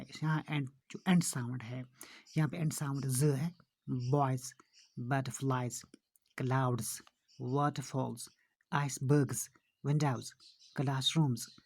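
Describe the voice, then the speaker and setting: Middle-aged male teacher, husky voice, recorded lesson, patient and unhurried. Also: mid-range voice, warm tone, no room sound. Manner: slow, patient explaining with frequent fillers, addressing children. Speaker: school English teacher. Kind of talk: recorded classroom lesson in Hindi and English.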